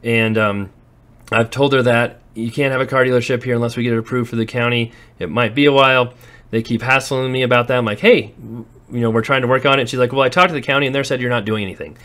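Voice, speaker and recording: In this walkthrough vlog, a man shoots on a handheld phone while touring empty warehouses and outdoor spaces he owns as a landlord and real estate investor. He talks fast in a mid-range, slightly bright voice with fairly even intonation. It's casual and chatty, with storytelling and occasional laughs.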